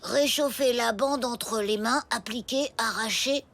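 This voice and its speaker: A woman's voice: a little high, measured pace, vocal fry, fairly bright tone, exaggerated voice. A woman voicing a doubting, sarcastic schoolboy sidekick in a cartoon. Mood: skeptical.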